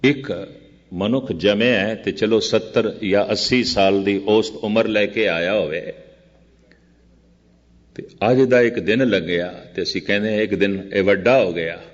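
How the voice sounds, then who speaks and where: An older man delivers a scripture sermon in slow, measured phrases, often repeating and contrasting his lines. His voice is low-pitched. The recording is dull and muffled, with a long echo hanging in the hall. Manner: chants quoted verse very slowly. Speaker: Sikh preacher giving katha.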